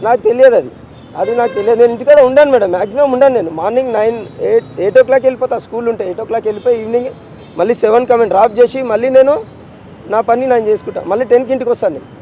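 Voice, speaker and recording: A distraught man with a Telangana Telugu accent talks quickly in a raised, high register, his voice dark and mellow. He repeats himself insistently and emotionally, pleading in a street interview. Faint street noise sits behind him. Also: highs cut off. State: distraught with grief. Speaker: interviewee, grieving father.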